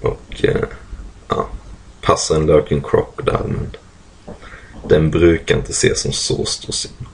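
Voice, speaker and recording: A man casually commentating a card draft in speech, thinking aloud with many fillers and frequent throat-clearing. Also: very deep voice, completely flat delivery, long pauses, slight background noise.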